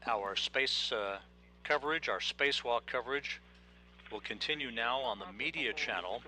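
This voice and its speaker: An American man giving formal, measured live commentary on a spacewalk as a mission control announcer. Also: medium pitch. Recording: bright feed with faint hum.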